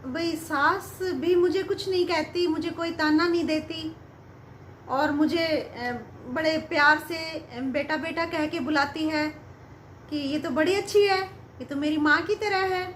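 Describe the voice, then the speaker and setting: A woman's voice: sits high, measured pace, a bit bright, slight background noise. A woman voicing a loving young daughter-in-law who speaks earnestly in a spoken story. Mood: fond. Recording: roomy echo.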